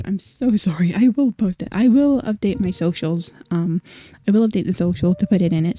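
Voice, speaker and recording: Warm and medium in pitch, her voice carries a casual livestream chat with viewers. The vtuber is Scottish by origin though she sounds mostly American, and she rambles chattily, apologizing often and using lots of fillers.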